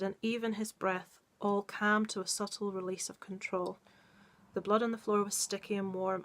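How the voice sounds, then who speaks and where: A middle-aged woman talks through a book in an earnest, casual way, full of ums and restarts. Her pitch stays flat and level, and she sits in the middle of the usual range for a woman. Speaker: book reviewer. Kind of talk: casual book review, reading a story aloud.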